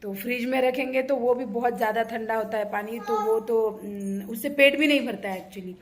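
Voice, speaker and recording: A woman in her thirties narrating a family outing in a chatty, storytelling vlog style, pausing often with fillers. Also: on the high side. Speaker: family vlogger.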